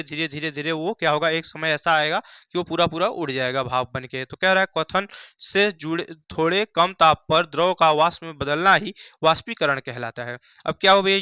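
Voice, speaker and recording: A man's voice: a little high, pushed and bright, clear, resonant tone, dry recording. A young man teaching a Hindi science lesson at a board, who asks the class questions and answers them himself, repeating key phrases. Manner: repeats key phrases, calls students "bhaiya" and "mere bhai".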